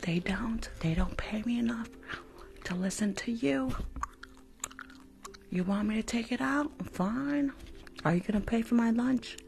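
A young woman from the Bronx, New York, does an ASMR roleplay as a rude school nurse, sounding curt, sassy and dismissive up close to a desk microphone with a fluffy cover in a small room at home. Her voice is fairly high, creaky and a little mellow, at a measured pace with long pauses and slight background noise.

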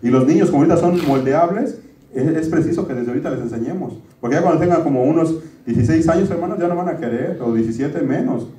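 A middle-aged pastor with a voice on the high side and a dark tone preaches quickly, speaking conversationally to the congregation and often calling them brothers. The recording is roomy and distant, made in a church.

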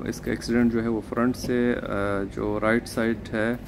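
A man narrating a walkaround video at an outdoor used car auction lot, speaking in a plain, steady, informative way with hesitant fillers. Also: medium pitch, moderate pace. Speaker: car market vlogger. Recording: outdoor noise behind voice.

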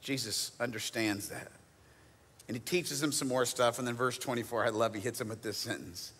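Bright-voiced pastor in a reverberant church hall. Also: male voice, mid-range voice, moderate pace, breathy edge. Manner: dramatic swings from loud emphatic to hushed near-whisper; casual conversational asides, paraphrases scripture in everyday speech. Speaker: teaching pastor. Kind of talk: sermon. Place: church auditorium.

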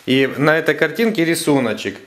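A man with a fairly high, somewhat bright voice speaks briskly to his kids while they do a craft together in the living room. As their father, he chats casually, gives instructions, and asks prompting questions, in a roomy home recording.

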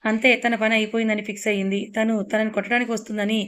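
A woman narrating an audio story, brisk and even. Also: on the high side, clear, resonant tone.

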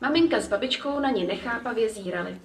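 Female storyteller reading a fairy tale, measured and calm, echoey and off-mic. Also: a little high. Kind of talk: reading a children's story aloud. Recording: roomy, distant, faint ambience.

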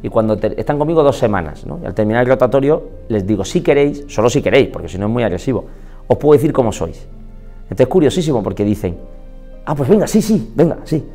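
A man from Spain, a doctor, giving an expressive motivational talk and often quoting people in changed voices. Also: mid-range voice, quick pace, faint music behind. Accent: Spain Spanish. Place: indoors, filmed talk.

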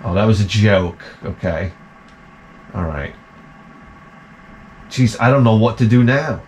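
Slow-talking, sweary man playing a game. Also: fairly low pitch, darkish tone, slight background noise. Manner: sweary, slangy exclamations. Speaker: video game streamer. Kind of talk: casual game playthrough commentary. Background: prominent game music.

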